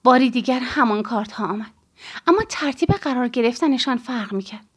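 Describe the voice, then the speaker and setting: Female audiobook narrator, first person, calm and measured, slightly high voice. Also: breathy edge.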